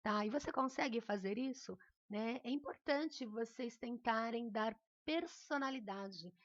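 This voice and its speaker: A woman's voice: fairly high pitch, unhurried, dry recording, muffled recording. A woman teacher with a Brazilian accent, giving a recorded remote lesson in a patient, encouraging way and often checking in with her students. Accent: Brazilian Portuguese.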